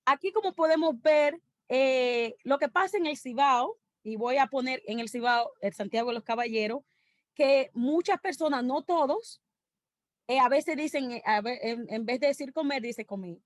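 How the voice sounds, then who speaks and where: A woman's voice: high-pitched, normal speed, dry recording. A woman with a Dominican accent presenting an academic conference talk over a video call, explaining her points through lists of examples. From Dominican Republic.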